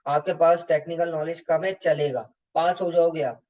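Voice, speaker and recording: A man's voice: fairly high pitch, steady tone, moderate pace, a little mellow, dull audio. A man, an exam tutor giving a recorded lecture that reviews mock exam answers and slips English terms into his explanations. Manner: explanatory, mixing English terms, asks students rhetorical questions.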